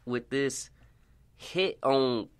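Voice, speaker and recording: A man's voice: mid-range voice, very slow, smooth, no room sound. A man co-hosting a casual sports talk show, playful and laughing often.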